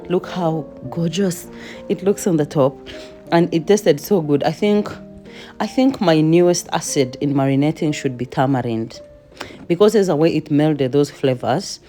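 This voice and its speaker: A woman's voice: low voice, mellow. A woman home cook giving a chatty cooking voice-over with playful asides.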